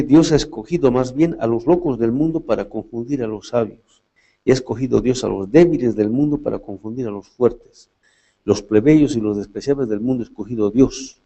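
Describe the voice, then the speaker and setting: A man's voice: medium pitch, mellow, low-quality recording. A man giving a philosophy lecture in a reflective way, often tagging his points with questions and restarting his phrases. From Latin America.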